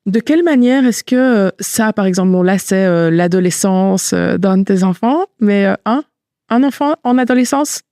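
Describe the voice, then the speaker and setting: Woman podcast host, psychologist, gentle measured questioner, mid-pitched, dry sound. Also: expressive, dry recording. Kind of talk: interview questions.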